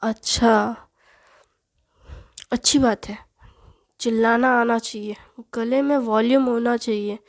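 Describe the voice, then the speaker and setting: Woman storyteller doing a bossy scolding mom, highish voice, orders everyone around. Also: steady tone, slow pace, long pauses. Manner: scolding, teasing, commanding. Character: bossy loud middle-aged mother-in-law, scolding.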